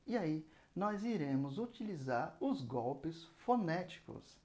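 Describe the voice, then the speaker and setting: A man's voice: fairly high pitch, very animated, slow pace, warm tone. Patient man singing out rhythm syllables. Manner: explains patiently, sings out rhythm syllables, says "ó" often. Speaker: saxophone teacher. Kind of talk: casual spoken music lesson.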